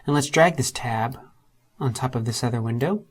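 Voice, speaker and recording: Narrating a screen-recorded software tutorial, a medium-pitched man goes methodically through every step. He slows his delivery when spelling out terms and letters.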